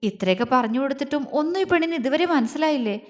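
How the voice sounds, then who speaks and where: A woman's voice: high-pitched, animated, fast talker, long reverb tail. A woman voicing an affectionate, teasing young husband in a romance audio story, speaking in a coaxing, playful way.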